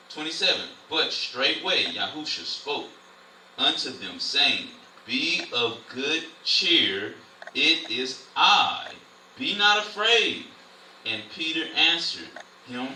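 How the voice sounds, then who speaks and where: A man leading an informal Bible study, preaching in a lively, conversational way. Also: medium pitch. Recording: roomy, distant, faint noise.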